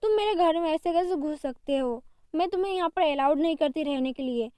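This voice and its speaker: A woman voicing a quick-tempered young wife who scolds and threatens the man in her home. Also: high-pitched, warm tone, no echo, studio quality, lightly acted. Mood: angry.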